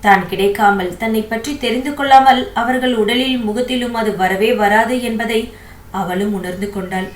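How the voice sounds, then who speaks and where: A woman narrating an audio novel in a steady, even storytelling voice. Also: a little high, normal speed. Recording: echoey room with faint hiss.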